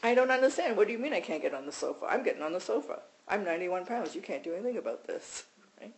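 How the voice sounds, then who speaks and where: A woman's voice: mid-range voice, animated, fast, slight background noise, close to an everyday voice, low-quality recording. Woman voicing a sulky self-pitying male dog. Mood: defiant.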